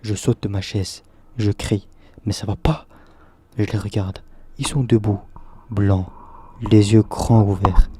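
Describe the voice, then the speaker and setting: A man tells a first-person horror story meant for bedtime, in short, plain, even sentences. His voice is low and dark, with a husky, slightly breathy grain. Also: unhurried, dry recording.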